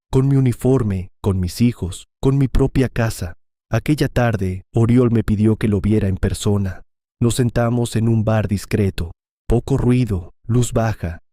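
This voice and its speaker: Calm man narrating. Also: fairly low pitch, dry recording. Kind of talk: scripted first-person story narration.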